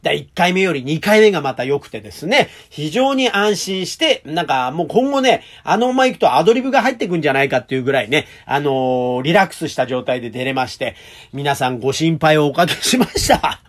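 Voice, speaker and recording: Man, fast-talking solo talk-show host, animated pitch, polite old-fashioned phrasing, self-deprecating jokes. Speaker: stage performer hosting his own audio talk show.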